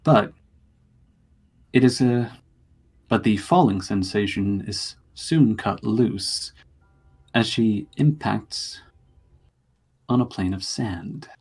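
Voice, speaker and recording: The game master of this tabletop role-play is a man whose voice is low and husky, with a darkish tone. He takes his narration very slowly and deliberately, letting dramatic pauses hang between phrases.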